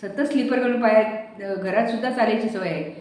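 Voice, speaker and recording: A woman's voice: a little high, a little fast, darkish tone, close to an everyday voice. A woman voicing a fussy, complaining woman who makes excuses on a pilgrimage. She speaks with a whiny, refusing manner. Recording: very echoey room, distant mic, faint noise.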